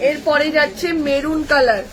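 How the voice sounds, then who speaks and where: High-voiced woman selling on a live stream. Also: a crowd in the background, poor audio. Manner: brisk repetitive sales patter, calling out colours and prices. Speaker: boutique owner selling clothes on a live stream. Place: her shop.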